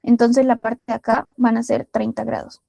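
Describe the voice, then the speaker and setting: A woman's voice: on the high side, flat delivery, moderate pace, gravelly, dark tone, dry recording. A woman tutor with a Colombian Spanish accent, patiently walking through a physics problem step by step with casual fillers. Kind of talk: explaining a physics problem while drawing.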